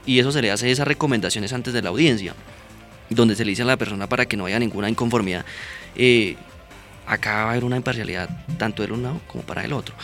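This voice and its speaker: A man's voice: lowish voice, fast, fairly bright tone, soft background music. A man, a police mediator explaining his work in a radio interview, earnest and often asking "right?". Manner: earnest, explanatory, frequent "¿verdad?" and "¿sí?" tags.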